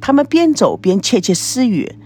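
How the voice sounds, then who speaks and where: A woman reading a romance novel aloud in an expressive storytelling manner. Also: fairly high pitch, moderate pace, slightly rough. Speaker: audiobook reader.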